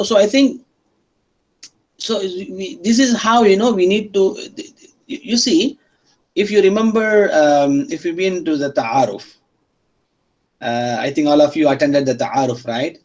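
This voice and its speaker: On poor-quality audio, a male university lecturer with a fairly high voice speaks a little slowly. English is his second language, and his first is neither Arabic nor English. He teaches interactively, repeating phrases and often asking students whether they follow.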